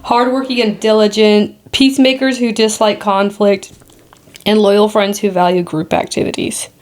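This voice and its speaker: A woman in her thirties co-hosts a relaxed podcast chat. She chimes in with frequent short agreements. She also reads lists aloud and reacts to them conversationally. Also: mid-range voice, moderate pace. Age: 30s. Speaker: podcast co-host. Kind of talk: casual chat.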